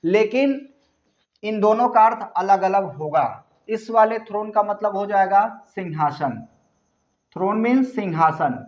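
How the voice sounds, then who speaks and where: Slow, high-voiced male tutor. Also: expressive, darkish tone. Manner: spells words letter by letter and repeats key answers; asks the children questions and answers them himself. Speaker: English teacher. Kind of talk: classroom grammar lesson. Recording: echoey room, dull lo-fi sound.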